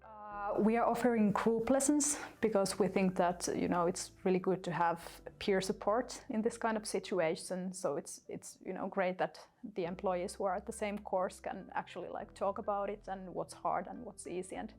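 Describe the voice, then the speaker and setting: Woman in HR, mid pitch, hesitant, corporate interview. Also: normal speed. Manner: hesitant, with fillers and restarts. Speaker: HR staff. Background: soft music.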